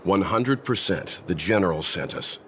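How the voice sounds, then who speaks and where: An actor playing a calm, reserved young male traveler in a video game, speaking in a measured and polite way. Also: deep voice, slight background noise. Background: faint game music.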